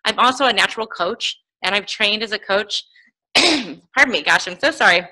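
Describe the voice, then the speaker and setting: Bright, energetic woman guest. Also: medium pitch, moderate pace, rough recording. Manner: energetic, laughs often. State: slight frog in her throat. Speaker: guest, lawyer and coach. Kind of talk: interview conversation.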